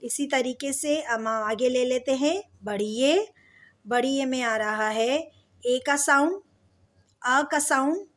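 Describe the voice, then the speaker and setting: A woman teaching a slow alphabet lesson, patiently stretching out each example word for her pupils. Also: sits high. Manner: patient, drawn-out words for pupils. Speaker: Urdu teacher.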